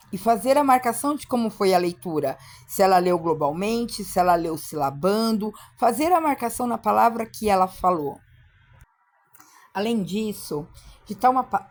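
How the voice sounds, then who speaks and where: A woman giving an instructional talk to teachers, speaking emphatically and acting out short classroom dialogues. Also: mid-range voice. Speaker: teacher trainer.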